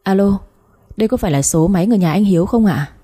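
Một người phụ nữ đọc truyện đóng vai một người đàn ông trung niên gọi điện từ bệnh viện, nói gấp gáp, dứt khoát, giọng khàn và trầm. Câu chữ nhanh, kiểu thông báo khẩn. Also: female voice, mid-range voice, quick pace, mellow, slightly rough, lightly acted. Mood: urgent. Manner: urgent, businesslike. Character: brisk male hospital caller, middle-aged.

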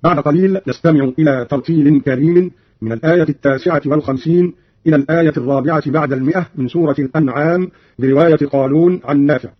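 A man's voice: on the high side, husky, dry recording. A man explaining Quran recitation variants in a formal, instructional radio style from an archival broadcast. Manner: precise, instructional, quoting verses briskly. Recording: dull, dry archival radio recording.

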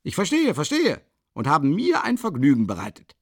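A man's voice: on the high side, huge pitch swings, brisk, a bit bright, no echo, clean studio sound, voice pushed up, heavily acted. A man voicing a pompous, talkative middle-aged police official in an audiobook, chatty and indignant. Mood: effusive. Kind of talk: audiobook character reading.

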